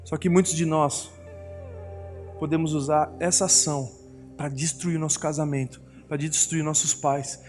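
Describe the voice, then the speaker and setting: A man's voice: on the high side, fairly even intonation, moderate pace, a little mellow. A middle-aged man with a Brazilian Portuguese accent, preaching a sermon and telling family stories, acting out the voices of his wife and children. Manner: storytelling, acts out family voices. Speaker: pastor. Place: church hall. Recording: long reverb of a church hall with music.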